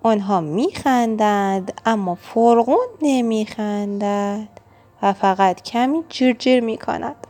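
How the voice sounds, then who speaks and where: A woman reading a children's storybook aloud, expressive and engaging, speaking to the young listener. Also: mid-range voice, soft background music. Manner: warm, expressive and engaging, asks the listener questions.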